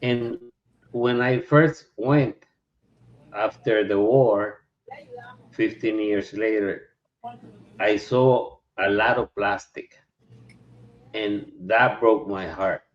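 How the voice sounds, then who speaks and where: A man from Nicaragua speaking slowly and reflectively in a casual chat, pausing often. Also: lowish voice. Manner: slow, reflective, with many pauses. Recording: dull lo-fi sound.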